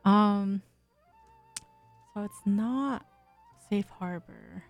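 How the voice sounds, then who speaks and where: Between songs on her college radio show, another young woman talks in a mid-range voice, stretching out her words over faint background music. Her chat is easygoing, packed with ums and frequent little giggles.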